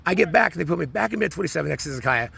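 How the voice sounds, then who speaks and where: A man's voice: a little high, animated, racing, creaky, pushed and bright, slightly rough. A man in his forties talking through a rambling personal monologue, full of restarts and repeated words. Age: 40s. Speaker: vlogger.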